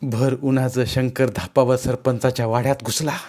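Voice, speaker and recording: A man reading a novel aloud in steady, measured storytelling narration. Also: mid-range voice. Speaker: audiobook narrator.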